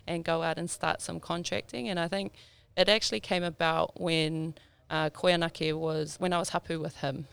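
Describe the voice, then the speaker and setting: A woman's voice: fairly low pitch, steady tone, normal speed, vocal fry, hardly any pauses, fairly bright tone, smooth, no echo. A woman in her thirties with a South Auckland Māori New Zealand accent, chatting informally as a podcast guest and mixing te reo Māori words into English. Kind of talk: casual interview chat.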